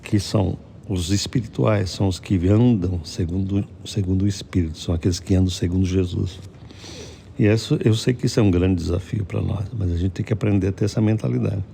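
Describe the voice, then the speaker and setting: Pastor, male, deep gravelly voice, mellow tone, chatty preaching style with a faint hiss behind. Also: steady tone, fairly quick. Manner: conversational preaching, often asks "entende?". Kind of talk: devotional sermon.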